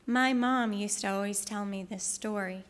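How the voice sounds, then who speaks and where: A woman's voice: mid-range voice, steady tone, normal speed. A woman giving a heartfelt personal testimony and devotional teaching, telling her story in an earnest way. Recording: long reverb in a large hall.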